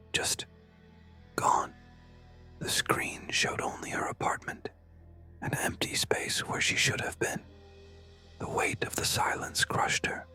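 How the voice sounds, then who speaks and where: Short, suspenseful phrases carry this scary story, delivered by a narrator in a hushed, breathy whisper. Music plays underneath.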